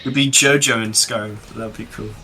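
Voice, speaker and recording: A man who is a guest on a casual podcast, curious and asking quick offhand questions. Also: medium pitch, steady tone. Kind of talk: casual chat.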